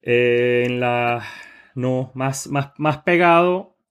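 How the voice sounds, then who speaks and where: A man's voice: medium pitch, drawn-out words, clean tone. A man with a Venezuelan accent, a panelist on a casual podcast, recalling old places with many hesitations. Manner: hesitant, many fillers and restarts while recalling. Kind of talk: casual tech podcast chat.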